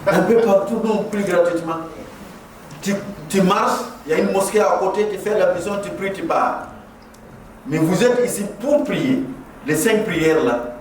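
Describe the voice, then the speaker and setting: A middle-aged man from Burkina Faso speaks as guest speaker at a mosque inauguration, his voice high and unhurried with a slight hiss or hum. He preaches with passion, hammering his points home through repetition. The large prayer hall echoes heavily, and he stands far from the mic.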